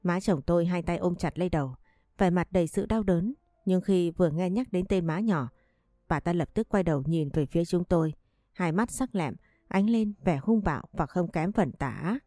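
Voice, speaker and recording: A woman reading a family drama story aloud in a steady storytelling voice. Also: on the low side, moderate pace, no room sound. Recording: dry close voice with faint music behind.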